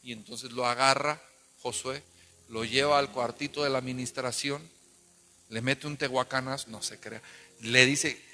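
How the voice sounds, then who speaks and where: A man's voice: medium pitch, fairly even intonation, measured pace, sharp tone, slight background noise. A man preaching a sermon as pastor, emphatic and calling the congregation to repeat after him. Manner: emphatic, calls for responses. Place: church. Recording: long church reverb.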